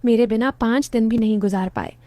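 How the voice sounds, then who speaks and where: A woman voicing a teasing, playful young wife with a brisk way of speaking, in a read-aloud story. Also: a little high, fairly even intonation, mellow, dry recording, clean studio sound, close to an everyday voice.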